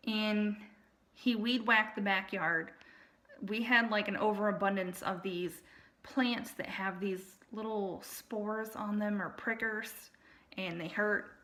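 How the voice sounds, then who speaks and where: An adult woman shares a personal account in casual, unscripted speech. Her voice is bright and tense, sitting at an average pitch for a woman. She explains each point deliberately, with an aggrieved edge. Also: steady tone. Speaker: storyteller recounting personal family experiences.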